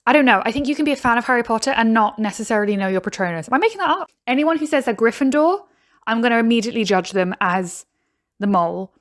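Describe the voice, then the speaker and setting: A woman's voice: on the high side, lively intonation, fast talker. A woman giving casual reaction commentary on a video, chatty, thinking aloud and laughing now and then. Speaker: YouTuber reacting to a game show video.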